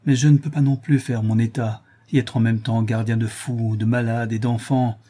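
A man's voice: mid-range voice, little pitch movement, normal speed, mellow, lightly acted. A man reading aloud and voicing an exhausted, despairing craftsman who pleads in anguish.

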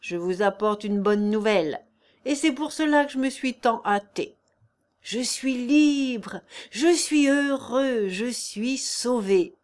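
For an audiobook, a woman with a mid-range, expressive voice reads at normal speed, lightly acting the role of an old, proud, hearty peasant carpenter. Her delivery is emphatic and full of exclamations.

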